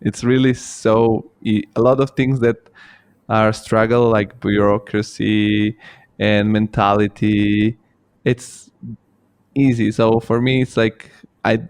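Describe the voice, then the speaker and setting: A man's voice: lowish voice, fairly even intonation, takes it slowly, darkish tone, clear, resonant tone, no echo. A man who grew up in Italy, hosting a casual interview and talking hesitantly with many fillers and restarts. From born in Bulgaria, grew up in Italy. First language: Bulgarian or Italian. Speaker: podcast host.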